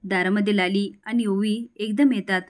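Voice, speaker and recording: A woman's voice: medium pitch, normal speed. Woman retelling a serial episode. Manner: steady storytelling, reading every part herself. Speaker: serial recap narrator.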